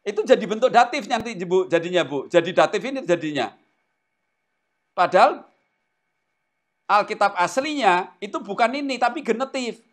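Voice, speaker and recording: A man's voice: high-pitched, moderate pace, pauses often. A man teaching a Greek language class who keeps quizzing his students. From Indonesia. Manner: animated, asks the class questions often. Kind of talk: classroom lesson.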